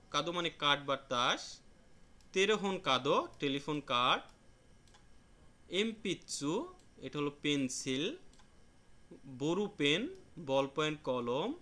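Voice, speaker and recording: Bright-voiced man teaching vocabulary. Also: on the high side. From Bangladesh. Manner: repeats each word slowly, with restarts. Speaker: Japanese language teacher. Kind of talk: classroom lesson explaining vocabulary.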